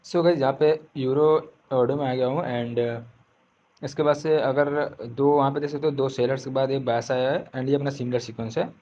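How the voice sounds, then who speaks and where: A man's voice: medium pitch, fairly even intonation, dark tone, lo-fi sound, slight background noise. A man giving an informal, casual screen-share tutorial on trading, repeating himself and often correcting his words mid-sentence. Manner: says he is speaking slowly on purpose today.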